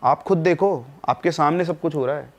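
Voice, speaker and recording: A man voicing a worried village priest who speaks gravely and quietly. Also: fairly high pitch, normal speed, natural voice.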